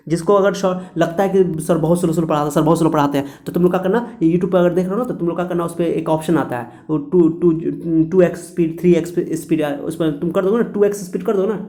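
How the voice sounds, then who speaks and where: A man's voice: high voice, mellow. A male teacher giving a chatty classroom physics lecture, repeating points and laughing at his own jokes.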